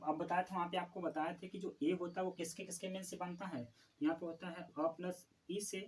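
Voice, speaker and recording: A man teaching an exam-prep Hindi grammar class, his voice sitting fairly high for a man. He poses questions to the class and answers them himself, repeating each term slowly to drive it home. A faint hiss runs underneath. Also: low-quality recording. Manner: repeats key terms slowly for emphasis.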